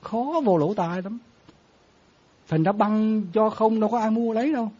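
A man's voice: high voice, moderate pace, dark tone, husky. A man, a Buddhist monk giving a conversational dharma talk and often quizzing his listeners. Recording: dull lo-fi sound.

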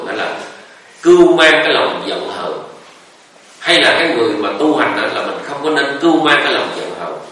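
Recorded at a distance in an echoey hall, this monk speaks in a mid-range voice that is bright and forceful. His dharma talk is conversational, full of stories and rhetorical questions for his listeners.

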